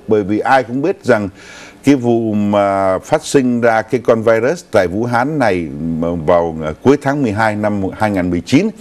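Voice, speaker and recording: A man's voice: mid-range voice, a little mellow. An older man co-hosting a news talk show in a TV studio, recounting stories unhurriedly with some fillers.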